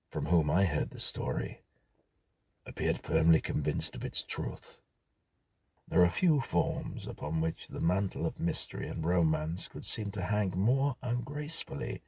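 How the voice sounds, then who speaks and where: A man narrates a gothic story as an audiobook in a low, gravelly, husky voice with a darkish tone. His delivery is measured, dramatic, and formally literary, with no echo.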